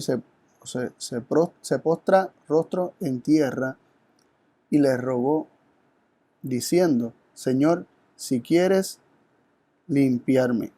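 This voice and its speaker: A man gives a teaching sermon with a somewhat high but mellow, warm voice. He talks in an earnest, reflective way and poses rhetorical questions. The sound is close and dry. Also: no echo. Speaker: Bible study presenter.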